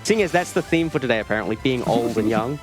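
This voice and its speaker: This fast-talking man has an animated, mid-range voice as he narrates his own video game play at a streamed marathon event. His casual commentary is peppered with wry asides and cut-off sentences, and game music plays behind him.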